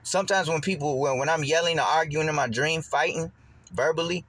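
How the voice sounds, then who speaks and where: A man's voice: on the high side, brisk, no echo. Rambling man telling a story casually. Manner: rambling, repeats words and restarts, animated when quoting. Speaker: vlogger.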